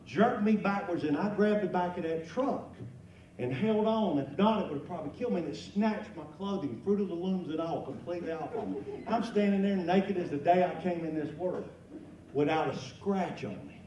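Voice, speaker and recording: Man, middle-aged, animated folksy storyteller, slightly high voice, echoey hall, heard from a distance. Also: normal speed, dull audio. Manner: animated, folksy, acts out exclamations and sound effects. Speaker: luncheon guest speaker. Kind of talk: comic storytelling to an audience. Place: large event room at a lunch. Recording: echoey hall from far off, room noise.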